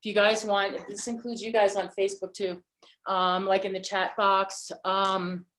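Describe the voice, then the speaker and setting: A woman hosting an online holiday gathering, talking casually and haltingly with many fillers over a video call mic. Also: medium pitch, flat delivery, fairly bright tone. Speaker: event host.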